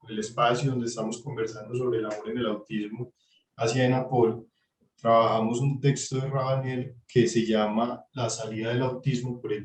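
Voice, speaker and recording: A man with a Colombian Spanish accent contributes to an online class in an earnest, measured tone. His delivery is flat and even. He sounds roomy and set back from the mic, as on a distant video call. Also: mid-range voice. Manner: earnest, measured, citing readings. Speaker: student participant.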